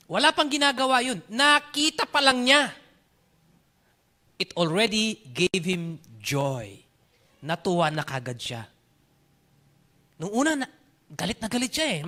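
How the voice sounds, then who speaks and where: Animated Filipino preacher, high bright voice. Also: male voice. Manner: switches between Tagalog and English, animated storytelling. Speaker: pastor. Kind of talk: sermon.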